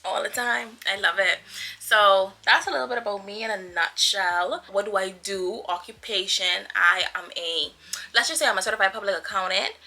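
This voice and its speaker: Here the same kind of casual vlog chat comes at a moderate pace, in a medium-pitched, sharp-toned female voice. The speaker is a 27-year-old YouTuber from the Bahamas, playful, effusive and heavy on slang.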